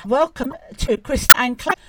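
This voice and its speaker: A woman's voice: high voice, a little slow. A woman hosting a casual show, welcoming guests in a friendly way. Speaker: host. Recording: distant mic with loud noise.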